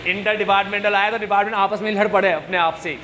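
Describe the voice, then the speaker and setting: High-voiced male teacher lecturing students. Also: fairly even intonation, fast talker, a crowd in the background. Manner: scolding, joking, mixes English into Hindi. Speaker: commerce teacher. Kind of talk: classroom lecture.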